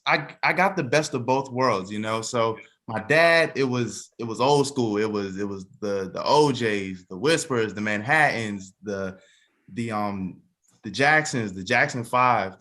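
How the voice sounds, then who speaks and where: A musician and songwriter in his twenties chats casually while being interviewed as a cast member, often repeating phrases for emphasis. He has a medium-pitched, fairly bright voice and talks a little slowly.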